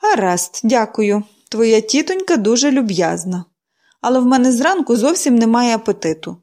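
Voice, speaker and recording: A woman's voice: a little high, sing-song, normal speed, mellow. A woman reading a storybook and voicing a bitter, bedridden woman in her forties who answers dryly and grudgingly. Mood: weary. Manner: dry, grudging, sardonic.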